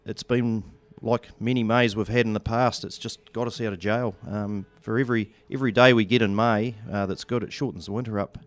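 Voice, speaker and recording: Farm-industry radio guest, male, New Zealand accent, lowish smooth voice, halting and understated. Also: fairly even intonation, no room sound, soft background music. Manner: halting, understated colloquial delivery. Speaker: studio guest, agricultural seed company representative. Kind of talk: casual radio interview. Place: radio studio.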